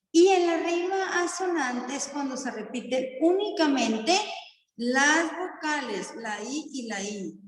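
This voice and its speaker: A woman teaching a primary school class, her rather high voice moving at an unhurried, deliberate pace. She breaks up her explanations with short checking questions to the children. The classroom is echoey, with a long trailing reverb. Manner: slow, patient explaining with frequent checking questions. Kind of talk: classroom lesson on poetry.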